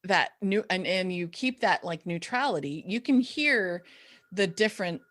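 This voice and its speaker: A woman's voice: fairly low pitch, lively intonation, a little slow, fairly bright tone. A woman co-hosting a podcast conversation as an ADHD coach, affirming her guest and laughing easily.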